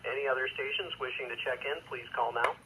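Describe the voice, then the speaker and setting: A man acting as amateur radio net controller, reading procedure in a measured, formal way over two-way radio with static. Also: mid-range voice, steady tone. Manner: measured, formal, with hesitant asides. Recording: radio transmission with faint static noise.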